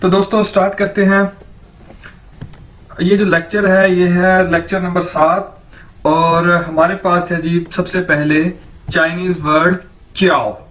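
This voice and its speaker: A man's voice: high-pitched, level tone, unhurried, fairly bright tone, far from the mic, low-quality recording. A man teaching a language lesson, saying each word several times and checking in with the listener. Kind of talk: slow instructional lecture with repetition drills.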